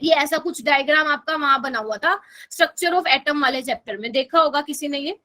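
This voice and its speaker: A woman with a high voice teaches a chemistry lesson online. She speaks with a Hindi accent. She walks through each step and keeps asking her students whether they are following. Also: normal speed, crowd noise. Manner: explains step by step, asks students to confirm with "okay?". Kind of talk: online class lecture.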